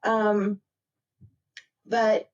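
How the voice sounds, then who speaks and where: A woman's voice: mid-range voice, little pitch movement, extremely slow, darkish tone, muffled recording. A woman from Maryland speaking as a podcast guest in a casual interview, reflective and rambling, full of "like" and "you know". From Maryland, United States.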